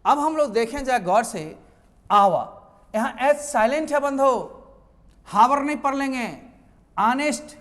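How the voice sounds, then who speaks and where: A man's voice: very high-pitched, unhurried, fairly bright tone, big-room sound. A male teacher, explaining English grammar in a lecture. He asks his own questions and answers them.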